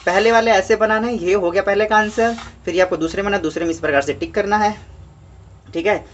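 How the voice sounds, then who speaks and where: A male teacher with a scratchy throat walks through a worksheet in casual chat, reading English lines slowly and saying "okay" again and again. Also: high voice, steady tone, lo-fi sound. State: scratchy throat, heavy-headed. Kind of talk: casual Hindi worksheet walkthrough.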